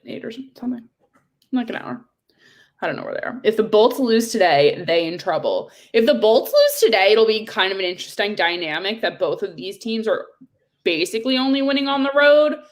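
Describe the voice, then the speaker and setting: A young woman co-hosting a live hockey stream, her voice worn and going hoarse. She talks in a loose, joking way, with the odd casual swear. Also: medium pitch. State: losing her voice. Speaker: co-host of a hockey livestream.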